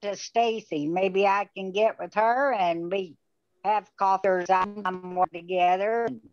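A woman talks very slowly and sincerely. Her call audio is dull and lo-fi, with a dry close sound and faint music behind her. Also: mid-range voice, fairly even intonation, no room sound. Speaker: book study participant. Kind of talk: casual video-call chat.

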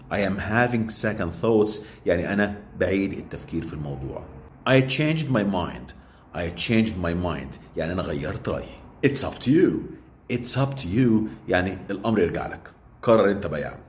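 A man with an Egyptian Arabic accent giving a casual English lesson, saying the English phrases very slowly and then adding quick joking asides. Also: fairly low pitch, slight background noise. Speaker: English teacher.

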